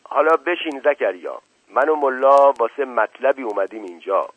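A man's voice: mid-range voice, lively intonation, breathy edge, pitched above the performer's own voice. A man voicing an older male village headman, a blunt go-between, speaking in a raised, emphatic voice, heard on a lo-fi radio recording.

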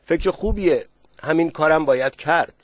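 Guy playing a bossy village chief in a story, short sharp orders. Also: a little high, no echo, voice pushed up, close to an everyday voice. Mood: concerned. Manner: brisk, gives orders.

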